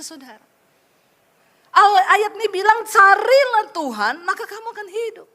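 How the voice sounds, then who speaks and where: A middle-aged woman pastor preaching a lively, chatty sermon, teasing the congregation with asides. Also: very high voice.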